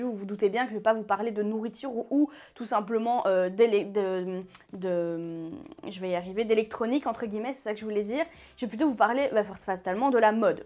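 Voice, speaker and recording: A woman's voice: fairly high pitch, darkish tone. A woman hosting a sewing channel, talking casually to camera in a chatty, rambling way with many fillers and self-corrections. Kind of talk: casual vlog talk to camera.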